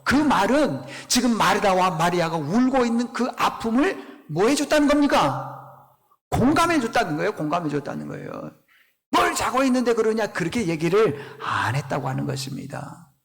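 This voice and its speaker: A man preaches in a high voice, telling a scripture story with animation. He keeps turning to his listeners with questions, and a long church reverb hangs after him. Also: a bit bright. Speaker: pastor. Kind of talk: sermon. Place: church sanctuary.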